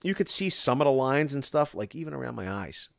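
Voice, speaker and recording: With a gravelly, medium-pitched voice, a man briskly works through live chat comments on his home stream, rambling and excitable, constantly restarting and throwing in "like." The close mic sounds clean and studio-like, free of room sound.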